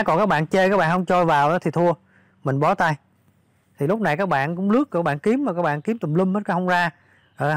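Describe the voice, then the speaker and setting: A slightly hoarse man, talking viewers through updates in a casual, filler-heavy vlog. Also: sits high, no room sound. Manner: chatty, many fillers, addresses viewers directly. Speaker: crypto channel host. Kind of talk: casual screen walkthrough vlog.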